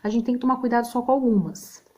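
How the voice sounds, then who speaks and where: A woman's voice: on the high side, steady tone, quick pace, darkish tone. Patient Brazilian woman teaching spelling. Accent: Brazilian Portuguese. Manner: patient, checks in with "tá?" often. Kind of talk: recorded remote spelling lesson.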